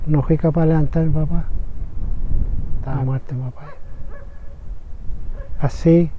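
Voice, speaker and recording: An older man with a Chilean Spanish accent giving halting, plain-spoken documentary testimony as a witness. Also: a little high, fairly even intonation, slight background noise. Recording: tinny phone-like sound.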